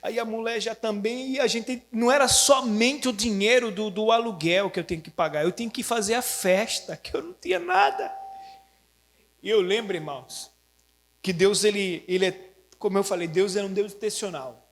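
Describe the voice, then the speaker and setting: A man preaching as a pastor, telling his testimony in an animated storytelling way and calling out to his brothers and sisters. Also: sits high, normal speed. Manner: animated storytelling preacher, often addressing "irmãos". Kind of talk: sermon testimony. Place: church hall. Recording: reverberant church hall.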